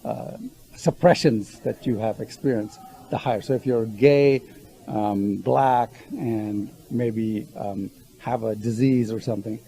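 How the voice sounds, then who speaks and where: A man's voice: on the low side, fairly even intonation, a little slow, dark tone, poor audio. A man who grew up in Ghana, speaking as a guest on a panel discussion. He explains his points earnestly and often stops to correct himself.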